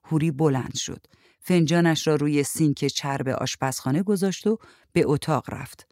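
A woman reading a short story aloud in a calm, even narrating voice. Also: sits low, dry recording, clean studio sound.

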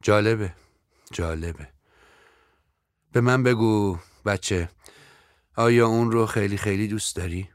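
A man's voice: lowish voice, pauses often, no room sound, studio quality, close to an everyday voice. A man voicing a melodramatic, self-pitying older woman who is a famous actress, stretching out her sighing lines theatrically. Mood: melodramatic sorrow.

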